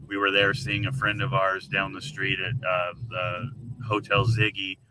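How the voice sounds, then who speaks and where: A laid-back man hosts a radio show in a low voice, laughing easily and cursing as he chats with a guest. Clear background noise runs under his voice throughout the noisy recording. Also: completely flat delivery, unhurried. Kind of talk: casual interview chat.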